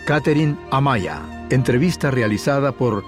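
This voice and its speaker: A man's voice: medium pitch, lively intonation, moderate pace. Male radio announcer over faint violin. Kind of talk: scripted program introduction. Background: faint violin music.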